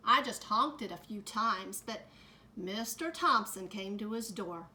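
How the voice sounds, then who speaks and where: A middle-aged woman teacher reading a picture book aloud to children, adding gentle comments as she goes. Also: mid-range voice, animated. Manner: slow, gentle storytime delivery with added comments to kids.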